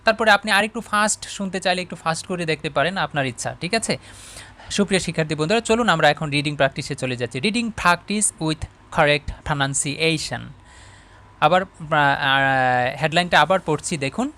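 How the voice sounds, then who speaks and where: A man from Bangladesh giving an online English lesson. He talks straight to his students and often checks they follow. When he reads English aloud, he goes very slowly, word by word. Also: on the high side, sharp tone. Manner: talks to viewers as students, often asking "all right?". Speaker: English teacher.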